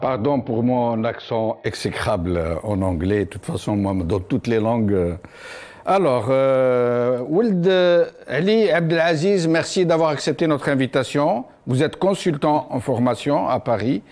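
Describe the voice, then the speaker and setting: A man's voice: medium pitch, unhurried, darkish tone. A man hosting a political talk show, speaking formally with many hesitations. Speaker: host.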